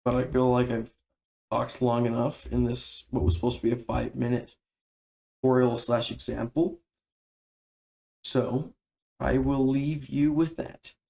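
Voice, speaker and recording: A man talks through a game tutorial in a relaxed, conversational voice-over. His mid-pitched voice has a gravelly, creaky edge. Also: measured pace, long pauses.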